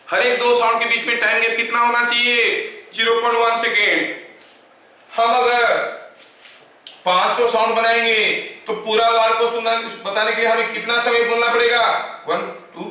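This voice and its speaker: A male physics teacher lecturing a class, explaining step by step, asking questions and drawing out words slowly as he dictates notes. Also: very high-pitched, pushed and bright. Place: echoey classroom. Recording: very echoey room, mic far off.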